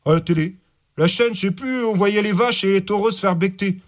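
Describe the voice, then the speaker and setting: A man's voice: sits high, pitched above the performer's own voice, lightly acted. A man doing a dim, taunting thug henchman. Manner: slangy, taunting, slow-witted. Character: dim-witted male thug henchman, mocking.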